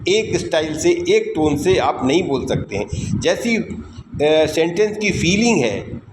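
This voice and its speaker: A man with an Indian accent teaching spoken English, stressing each word deliberately and switching between Hindi and English. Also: a little high, big pitch swings. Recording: echoey room with background noise.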